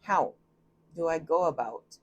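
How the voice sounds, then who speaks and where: Low-voiced woman doing a tarot reading at home, chatty, laughs at herself a lot. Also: unhurried, slight background noise. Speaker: tarot reader. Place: home reptile room.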